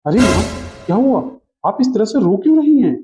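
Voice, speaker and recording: A man playing a calm, fair-minded husband who reasons with his mother in a comedy skit. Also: high voice, a little fast, noisy background. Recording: muffled lo-fi audio.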